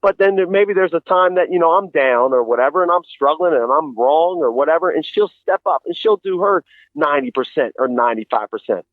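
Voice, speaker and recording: A man's voice: a little high, animated, brisk, no room sound. A middle-aged man comes through with a narrow, phone-like radio sound, very dry and close. He talks conversationally and earnestly, like a guest giving motivational advice, explaining his points and putting questions to the listener. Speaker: interview guest.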